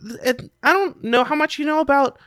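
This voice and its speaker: A man's voice: extremely high pitch, brisk, crowd noise, pitched above the performer's own voice. A man voicing a nervous young boy in a tabletop game, stammering and unsure. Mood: uneasy.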